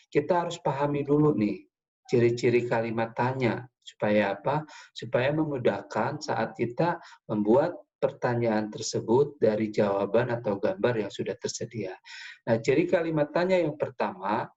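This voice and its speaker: A man's voice: mid-range voice, dark tone, lo-fi sound. A male teacher giving a patient lesson to young pupils, often checking in with short fillers. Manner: patient, repeats "ya" and "nah" often. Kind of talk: classroom lesson for children.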